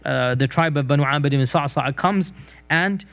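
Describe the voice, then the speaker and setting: A man's voice: moderate pace, fairly bright tone, clean tone. A middle-aged man giving a recorded religious history lecture, telling stories conversationally and acting out quoted speech. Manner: storytelling, acts out quoted speech with raised pitch; conversational with fillers and restarts.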